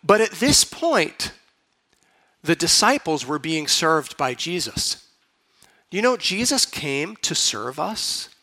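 Brief: male pastor, bright high voice, dramatic storytelling sermon with hushed moments. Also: big pitch swings, slow. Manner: dramatic storytelling that drops to a hush.

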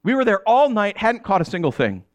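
A male pastor delivering a dramatic first-person sermon, telling the story in character and swinging between hushed and exasperated. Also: sits high, sing-song, fairly quick, dry recording. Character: the apostle Peter telling his own story.

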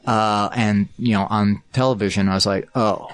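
A man's voice: on the low side, fairly even intonation, moderate pace, smooth, dry recording. A man from Utah, a guest on a casual podcast, telling a story in a rambling way and acting out the voices he quotes. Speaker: guest artist.

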